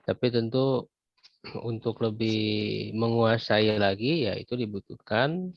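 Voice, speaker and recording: Low, gravelly man teaching a patient online grammar class; dull, dry call audio. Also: takes it slowly, no echo. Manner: patient, explanatory, clears throat often.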